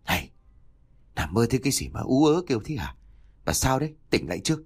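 A man's voice: mid-range voice, big pitch swings, quick pace, breathy edge. A man voicing a domineering old husband who scolds his wife in a brusque manner. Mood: scolding.

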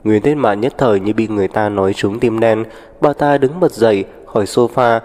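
A man narrating an audiobook in a steady, even storytelling manner. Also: on the low side, a little fast. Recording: long reverb with background music.

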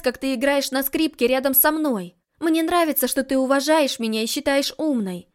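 A woman's voice: high voice, darkish tone, pitched above the performer's own voice. A woman playing a blunt, passionate young heroine. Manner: blunt and emphatic, raised voice. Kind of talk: audiobook dialogue reading.

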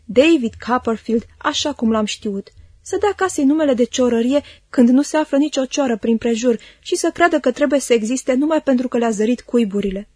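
A stern, imperious old spinster aunt, played by a woman reading an audiobook who barks brusque commands at a deliberate pace. The voice is mellow and a little husky, slightly high, recorded close and dry. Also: dry recording. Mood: brusque, commanding.

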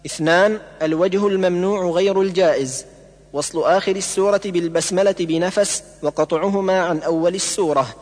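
Male teacher, reading recitation rules in a measured, point-by-point way, high voice, long reverb. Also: darkish tone. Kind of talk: read-aloud lesson on recitation rules.

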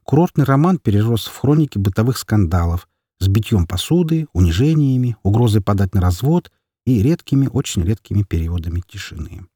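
A man narrating a story in an expressive, scripted reading. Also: on the low side, brisk, slightly rough, no room sound, clean studio sound. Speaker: audiobook narrator.

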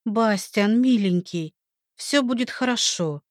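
A woman's voice: on the high side, lively intonation, unhurried, dry recording, clean studio sound. A woman voicing a young heroine who speaks urgently and pleads for her beloved. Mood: pleading.

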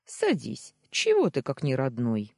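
A man's voice: medium pitch, huge pitch swings, unhurried, vocal fry, no echo, clean studio sound, heavily acted. A man voicing a scheming, fat middle-aged uncle who shrieks and splutters, in an audiobook reading. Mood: fawning. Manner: shrieking, spluttering, then nervous babbling.

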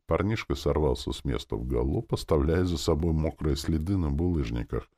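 Deep gravelly audiobook narrator man. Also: expressive, a little fast, dark tone. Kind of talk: first-person audiobook narration.

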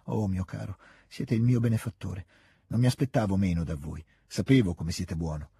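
Needs: male reader voicing a begging, persistent noblewoman mother; husky, dark tone, close dry sound. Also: low voice, normal speed, dry recording, exaggerated voice. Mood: imploring. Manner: imploring, insistent. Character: pleading aristocratic mother, middle-aged woman. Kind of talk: audiobook reading.

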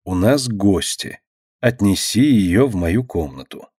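Man voicing a gentle tired young woman, soft, low-key, breathy, dry. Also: expressive, takes it slowly, no room sound, heavily acted. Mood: stern. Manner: soft, quiet, weary.

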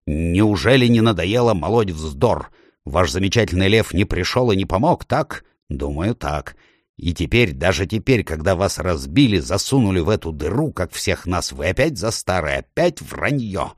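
Grumpy male dwarf, voiced by a male reader; snapping, low, stubborn. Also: expressive, normal speed, no room sound, studio quality. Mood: indignant. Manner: growling, snapping.

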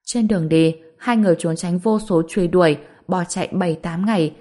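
A woman reading a serialized story as narrator, in a steady, even scripted delivery. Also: on the low side, a little fast.

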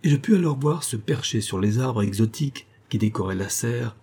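A man reading a nineteenth-century story aloud as narrator, in a measured storytelling manner. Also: mid-range voice, lively intonation, mellow, husky. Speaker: audiobook reader. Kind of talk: scripted narration.

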